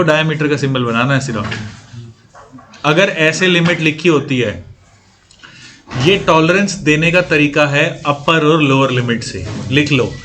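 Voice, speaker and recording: A man's voice: fairly high pitch, fairly bright tone. A man lecturing a class on engineering drawing, quizzing students and repeating key points. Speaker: CAD training instructor.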